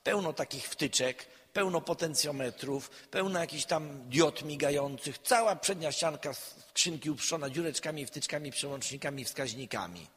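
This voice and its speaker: A man, a counselor, giving a public lecture in an emphatic way, swinging between loud and quiet. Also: on the high side, expressive, normal speed, few pauses, breathy edge. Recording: long hall reverb.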